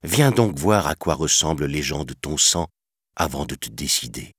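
A man's voice: extremely low pitch, animated, normal speed, breathy edge, no echo, clean studio sound, heavily acted. A man voicing a stern panther guardian in a storybook reading, speaking in a firm, reproachful way. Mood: grave. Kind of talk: storybook narration.

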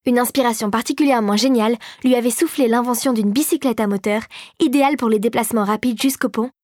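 A woman narrating a storybook in a measured, even manner, reading from a script. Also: fairly high pitch, no room sound, clean studio sound. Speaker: audiobook narrator.

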